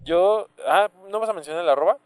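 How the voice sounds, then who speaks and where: Clear-voiced Mexico City man, slangy. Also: sits high, a little fast, dry recording. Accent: Mexico City Spanish. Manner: slangy, tells stories, says güey constantly. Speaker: podcast co-host. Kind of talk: casual chat.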